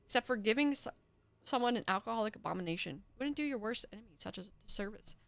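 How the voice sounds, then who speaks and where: Bright-voiced young woman streamer. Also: fairly high pitch, lively intonation, quick pace, vocal fry, dry recording. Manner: dramatic second-person narration with chatty asides to chat. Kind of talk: reading game narration aloud. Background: faint music.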